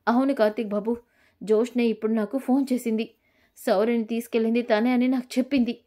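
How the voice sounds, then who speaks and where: A woman's voice: a little high, steady tone, fairly quick, close to an everyday voice. A woman voicing a fierce young mother, desperate and angry about her kidnapped daughter. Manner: angry shouting, commanding.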